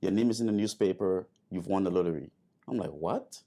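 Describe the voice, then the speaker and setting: A man's voice: sits low, fairly quick, mellow. A man, a guest telling his story in an interview, hesitant with many fillers and restarts. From Liberia. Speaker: guest, airman.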